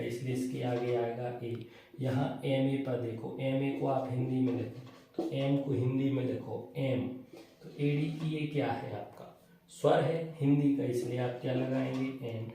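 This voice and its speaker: A man's voice: medium pitch, steady tone, measured pace, creaky, dark tone. A male English teacher giving a grammar lesson in speech, who asks the class questions and answers them himself. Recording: echoey room, voice from far off, faint noise.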